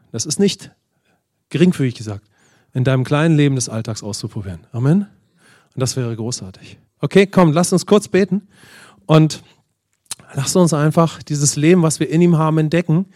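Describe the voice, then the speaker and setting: A middle-aged man preaching a sermon, telling stories in a lively, animated way and often asking "ja?" and saying "Amen". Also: a little high, no room sound, clean studio sound. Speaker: pastor. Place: church hall.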